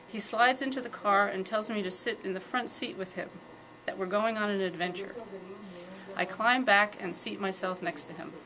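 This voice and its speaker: Woman calmly reading her story aloud. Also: medium pitch, moderate pace, crowd noise, rough recording. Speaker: author reading her fiction. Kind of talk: first-person story reading. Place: live reading event.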